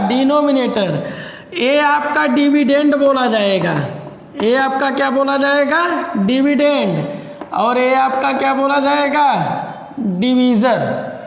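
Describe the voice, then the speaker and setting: A young man teaching a maths lesson, explaining step by step and repeating key terms back as questions to his students. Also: very high voice. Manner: calls students "beta". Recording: echoey room with faint background noise.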